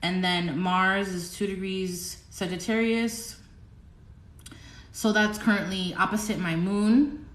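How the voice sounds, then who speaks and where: A young woman giving a casual livestream tarot reading, chatty and excitable, rambling with giggles. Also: medium pitch, takes it slowly, reverberant. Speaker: tarot reader.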